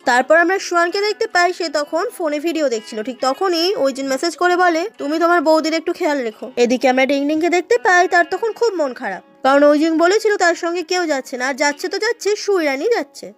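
A woman narrating a film recap in a brisk, even storytelling manner. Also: very high-pitched. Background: faint background music.

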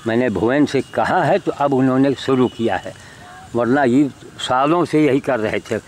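A man's voice: medium pitch, normal speed, darkish tone. A man vlogging outdoors while handing out mangoes to animals, coaxing them, shooing them off and chatting to the camera. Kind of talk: outdoor handheld vlog narration. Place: outdoors, rural spot with animals.

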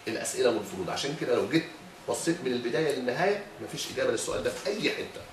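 A man's voice: medium pitch, very animated, rapid-fire, distant mic, noisy background. A middle-aged man with an Egyptian Arabic accent, critiquing a thesis defense in a lecturing way, probing with rhetorical questions. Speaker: thesis examiner. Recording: echoey room, voice from afar.

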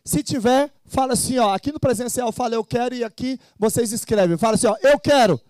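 A man's voice: very high voice, fast talker, darkish tone, no room sound. A man hosting a live motivational seminar, energetically urging the crowd to call out and repeat phrases. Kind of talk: live seminar pep talk.

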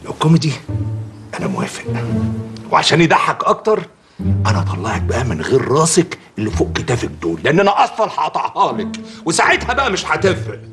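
Brief: a jealous Egyptian husband, fast and mocking, tense voice. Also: male voice, on the high side, huge pitch swings, soft background music, heavily acted. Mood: sarcastic menace. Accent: Egyptian Arabic. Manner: mocking threats, sharp outbursts. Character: jealous domineering husband, threatening and sarcastic.

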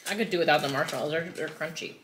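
A woman's voice: low voice, racing, fairly bright tone. A woman chatting casually in a taste test, talking while chewing, with a blunt, matter-of-fact manner. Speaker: taste tester. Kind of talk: casual chat. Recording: echoey room with clear background noise.

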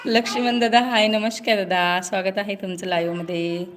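A woman's voice: medium pitch, steady tone, moderate pace. A woman live streaming on her phone, chatting casually with viewers, teasing them and greeting each one by name.

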